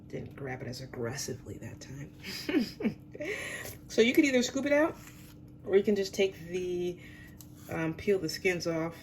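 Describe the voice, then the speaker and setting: In a home kitchen, a cooking show host who sounds a little under the weather leads a casual, chatty demo with plenty of self-deprecation, her voice affected by illness. It has a fairly low pitch, and a slight hiss or hum runs under the audio.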